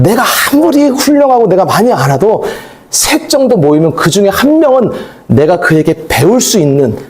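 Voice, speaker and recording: Lively high-voiced male preacher. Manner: conversational, animated preaching with asides and acted-out quotes. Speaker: pastor. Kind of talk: sermon.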